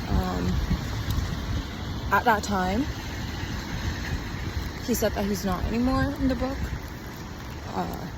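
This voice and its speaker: This young female podcaster, tired and halting, rambles casually like she's keeping a diary, unhurried and trailing off mid-thought. She has a mid-range voice. She's walking outdoors in a town, and the recording carries obvious street noise, passing cars and urban ambience.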